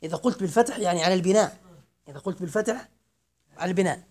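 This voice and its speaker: A man giving a classroom grammar lesson, slowly reciting verse lines, then explaining them and quizzing his students. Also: high-pitched, lively intonation, a little mellow. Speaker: grammar teacher.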